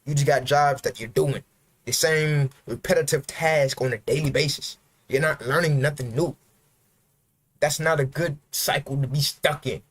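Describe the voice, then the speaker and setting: A man's voice: on the high side, fairly even intonation, normal speed. Blunt, profane man ranting on stream. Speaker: livestreamer. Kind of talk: motivational livestream rant.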